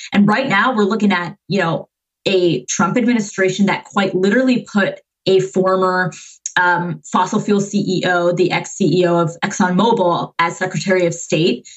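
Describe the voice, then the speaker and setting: A woman in her twenties from Massachusetts speaks as a guest on a podcast, pushing her points with fierce conviction and quick, filler-strewn sentences. Her voice sits a bit low. The recording is a touch dull and lo-fi. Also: husky. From Massachusetts, USA. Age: 20s. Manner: passionate, fast, with frequent fillers. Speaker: climate movement organizer, guest. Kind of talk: podcast interview.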